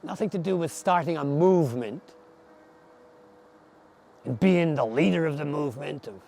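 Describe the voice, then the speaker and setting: A Scottish man in his sixties, reflecting in a documentary interview, thoughtful and earnest, pausing and repeating words as he searches for them. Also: fairly high pitch, expressive, creaky, darkish tone. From Scotland. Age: 60s. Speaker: barefoot walker interviewed.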